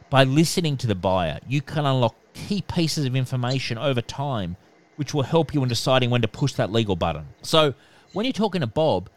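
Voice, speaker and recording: A man with a nasal voice, a debt collection expert giving calm, instructive answers in a podcast interview. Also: mid-range voice. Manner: calm, instructive, repeats "okay".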